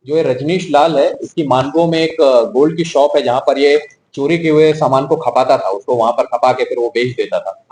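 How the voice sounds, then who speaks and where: A man speaking as a police officer at a press briefing, formal and measured, pausing often with "uh". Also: medium pitch, a little mellow, poor audio. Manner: formal, measured, with frequent "uh" pauses.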